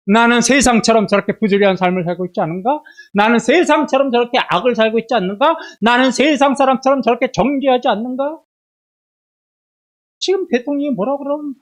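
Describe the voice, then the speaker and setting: A man preaching a Sunday sermon in a church while suffering from a bad cold with fever. He asks his listeners one rhetorical question after another, rising loud and dropping to a hush. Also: very high voice. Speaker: pastor. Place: church sanctuary.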